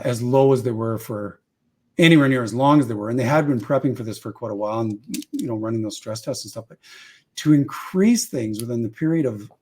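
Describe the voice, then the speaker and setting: A man from Canada talks in a relaxed podcast conversation, full of casual fillers and asides. His voice is mellow and slightly husky, at an average pitch.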